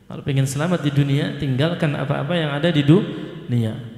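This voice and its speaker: A man giving a Ramadan study sermon. He reads Arabic phrase by phrase, chants some of it, then explains it slowly. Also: on the high side, gravelly, a little mellow. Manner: sometimes chants the Arabic in a sing-song tone. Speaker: ustadz teaching a classical text. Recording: echoey hall with long reverb.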